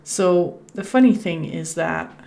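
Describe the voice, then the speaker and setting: A woman's voice: on the low side, slow pace, creaky, warm tone. A French Canadian woman, a native French speaker, casually streaming a game, reading its text aloud and chatting with viewers.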